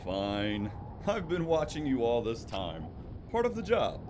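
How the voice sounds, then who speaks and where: An actor playing a jolly, wry old Santa in an audio drama, lecturing heartily. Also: male voice, mid-range voice, huge pitch swings, a little slow, darkish tone, slight background noise.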